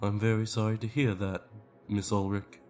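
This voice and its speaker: A man's voice: on the low side, level tone, normal speed, darkish tone, soft background music, natural voice. An actor playing a wary man answering a phone, guarded and dry.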